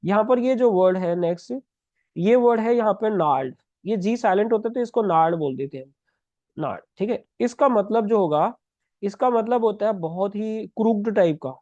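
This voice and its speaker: High-voiced man teaching vocabulary. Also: lively intonation, normal speed, darkish tone, no echo, lo-fi sound. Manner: explains step by step, often asks "है ना", writing words as he talks. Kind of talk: exam-prep vocabulary lesson.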